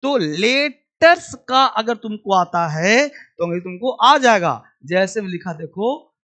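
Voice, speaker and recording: A man's voice: high voice, expressive, unhurried, a bit bright. Guy teaching spelling, says the same word again and again, quizzes the kids, calls them beta. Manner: drills sounds by repeating words and quizzing students; addresses students fondly as child. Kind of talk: demo class lesson.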